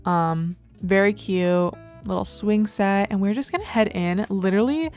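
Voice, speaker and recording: A young adult woman hosting casual game commentary, chatty and excitable, filling nearly every phrase with "like". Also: mid-range voice, moderate pace, faint music behind. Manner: chatty, says "like" constantly, excitable exclamations. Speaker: gameplay host.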